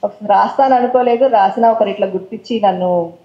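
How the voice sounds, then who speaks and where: A woman's voice: medium pitch, brisk, echoey room, dull audio. A woman with a Telangana accent, a poet on stage who chats casually between poems and recites her verse in a rhythmic way. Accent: Telangana Telugu. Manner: casual talk mixed with English words. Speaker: poet reading her own work. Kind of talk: poetry recital with chatty introductions. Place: stage at a poetry forum event.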